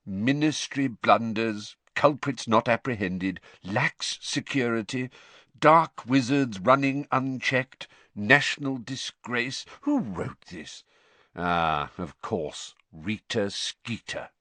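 A male narrator plays a middle-aged wizard father from a storybook. He is calm and tired, speaking quietly and with measured care in a dry, close sound. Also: mid-range voice, no echo. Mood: heavy, grim.

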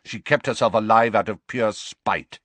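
A man's voice: lowish voice, moderate pace, fairly bright tone, no echo, pitched above the performer's own voice. A man voicing an impatient, irritable grown man who speaks curtly and with disdain. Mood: cold. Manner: curt, snapping, disdainful. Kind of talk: audiobook character voice.

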